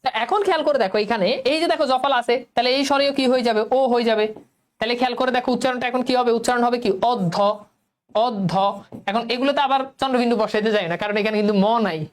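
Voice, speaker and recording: A young woman teacher with a Bangladeshi Bengali accent leads an online lesson. Her voice sits a little high, and she coaxes her students along. She quizzes them often and repeats key words slowly. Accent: Bangladeshi Bengali, colloquial.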